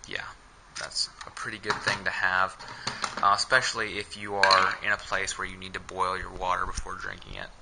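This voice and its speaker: In a small indoor space, a young man with a camera strapped to his head casually goes over his camping gear, stumbling through plenty of ums and uhs. His voice is low and flat, moving at a moderate pace. Heavy background noise fills the recording.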